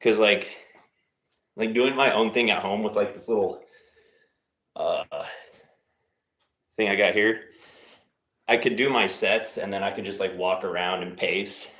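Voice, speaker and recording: A man's voice: lowish voice, fairly even intonation, unhurried, pauses often, a bit bright. Laid-back man streaming a home workout. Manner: laid-back, rambling, jokey encouragement. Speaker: livestream host leading a workout. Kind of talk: casual live-stream chat. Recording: roomy echo.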